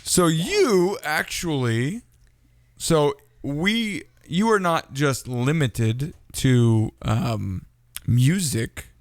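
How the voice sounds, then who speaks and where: A man in his thirties hosting a casual interview, joking and teasing in quick bursts. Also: on the high side, animated, no room sound. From California. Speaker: interview host.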